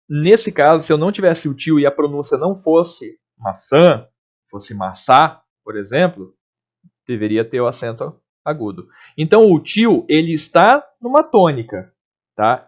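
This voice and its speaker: A man's voice: a little high, big pitch swings, moderate pace, darkish tone. A man teaching a spelling lesson, explaining step by step and checking in with his students often. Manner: explanatory, frequent check-ins like "tá?" and "ok?". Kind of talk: recorded grammar lesson. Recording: dull lo-fi lesson recording.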